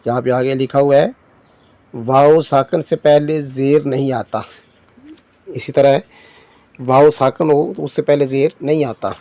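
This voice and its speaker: A man teaching Quran reading. He drills syllables in a slow chant, then explains quickly in a lower voice. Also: fairly even intonation, dark tone, no room sound.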